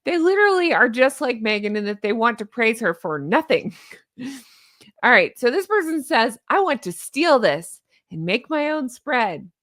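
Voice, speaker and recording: This YouTube commentary host, a Southern US woman in her thirties, speaks unhurriedly in a fairly high, fairly bright voice with big pitch swings, sounding chatty and sarcastic and laughing often. Her casual reaction vlog is recorded echo-free on a boom-arm studio mic in a home studio lit with neon.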